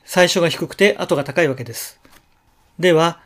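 A man acting out a patient pronunciation teacher, lecturing slowly in a slightly raised voice. He stops often to sound out single syllables and short words with care. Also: a little high, very noisy. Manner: slow, careful, with drawn-out model syllables. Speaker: language teacher. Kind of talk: slow instructional lecture.

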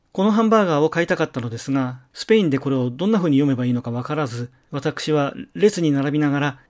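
A middle-aged man teaching Spanish pronunciation in a recorded lecture, slowly and carefully sounding out each example word. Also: fairly high pitch, a little mellow. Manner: slow, careful, enunciated example words.

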